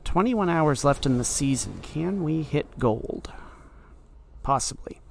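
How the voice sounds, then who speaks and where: Male streamer, gravelly, offhand play-by-play chat, light hiss in the background. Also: on the high side, expressive, slow, a little mellow. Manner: thinking aloud while playing, offhand. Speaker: card game streamer. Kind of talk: casual gameplay commentary.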